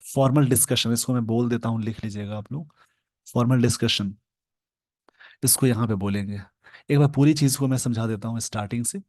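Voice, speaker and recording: A man with an Indian accent teaching English in Hindi, explaining an editorial word by word and slowing down to read the English phrases. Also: mid-range voice, darkish tone, no room sound. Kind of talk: Hindi-language English lesson reading an editorial.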